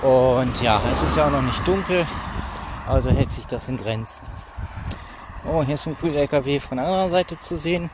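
A man's voice: medium pitch, moderate pace. A man in his thirties talking casually and in a rambling way while walking along a roadside, as in a phone vlog. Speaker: vlogger. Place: outdoors on a village roadside. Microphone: phone held at arm's length. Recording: noisy outdoor roadside phone recording.

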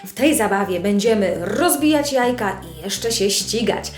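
A woman's voice: mid-range voice, animated, measured pace. Speech therapist woman explaining games, echoey room. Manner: friendly, explanatory, addresses parents directly. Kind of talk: instructional video presentation. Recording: echoey room with soft music.

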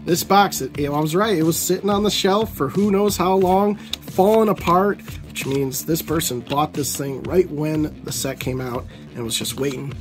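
A man casually commenting as he opens trading card packs, excitable and prone to swinging from glum to elated. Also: mid-range voice. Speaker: card unboxing vlogger.

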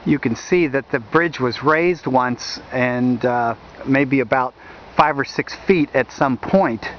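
A man narrating a walking tour outdoors along a wooded riverbank, talking in a halting way with many fillers, recorded on a handheld camera mic. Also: medium pitch, a little hiss or hum. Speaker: history video host. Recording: dull lo-fi outdoor audio.

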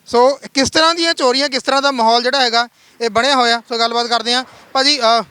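A man reporting from the field, prompting the people he interviews with short questions and steady murmurs of agreement. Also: extremely high pitch, quick pace, clean tone, dry recording. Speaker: news reporter.

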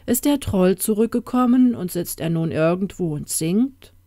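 A woman voicing a huge male sea giant who speaks in a slow, grumbling way. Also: fairly low pitch, lively intonation, mellow, no room sound, clean studio sound, lightly acted.

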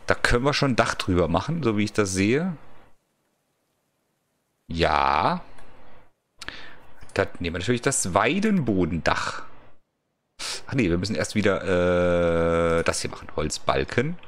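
Low-voiced man chatting through a game. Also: very animated, measured pace, pauses often, fairly bright tone. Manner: mutters and counts to himself while building; chatty, talks to his game characters. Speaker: let's play gamer. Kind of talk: casual gameplay commentary.

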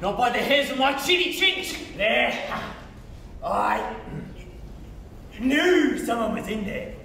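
A man's voice: very high voice, lively intonation, slow, sharp tone, heavy reverb, recorded from a distance, a little hiss or hum, full character voice. An actor playing a jumpy, paranoid male pig hiding in his brick house, talking in sing-song rhymes on stage. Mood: jittery. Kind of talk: stage play performance.

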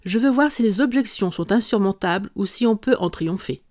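A composed, dryly amused detective explains his reasoning at an even, unhurried pace, as an audiobook reader voices him. The voice sits in the middle range and sounds close and dry. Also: mid-range voice, no room sound, natural voice. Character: calm, ironic male detective. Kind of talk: audiobook character reading.

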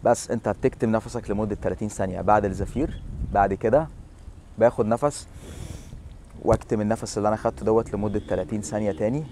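Male Egyptian fitness explainer, thirties, lowish pitch, very quick delivery, informal, recorded outdoors on a lapel mic. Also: fairly even intonation, dark tone, a little hiss or hum. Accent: Egyptian Arabic. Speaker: fitness presenter explaining a breathing exercise. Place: outdoor seafront bench in a city.

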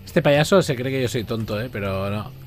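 A man giving excitable live commentary while playing a video game, often swearing and reacting loudly. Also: medium pitch, a little fast, faint music behind.

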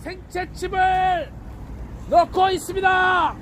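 A man giving a shouted protest speech outdoors on a street, calling out slogans in drawn-out phrases. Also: very high voice, fairly even intonation, a faint crowd, slight background noise.

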